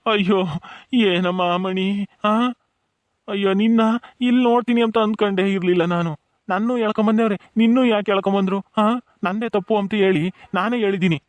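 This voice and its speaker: Guy playing an old village gowda grandpa, rural tumakuru kannada accent, fast and kinda high, keeps saying hush don't cry. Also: no echo, natural voice. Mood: lamenting. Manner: soothing, pleading, repeats hush phrases. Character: elderly village headman grandfather, proud but tender. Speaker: jailed grandfather. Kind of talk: village family drama acting.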